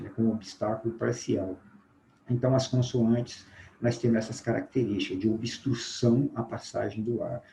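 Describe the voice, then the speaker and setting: A male teacher with a Brazilian Portuguese accent giving a recorded class, patiently explaining and sounding out letters slowly to demonstrate. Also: medium pitch, mellow, reverberant, slight background noise, rough recording.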